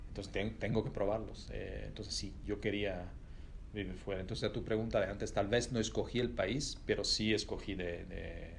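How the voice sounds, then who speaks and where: A middle-aged man, speaking Spanish as an in an interview as a company executive, thoughtful and pausing often with fillers. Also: on the low side, steady tone, gravelly, a little hiss or hum. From Italy. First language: Italian. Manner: thoughtful, pauses with many fillers and restarts. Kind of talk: reflective interview answers.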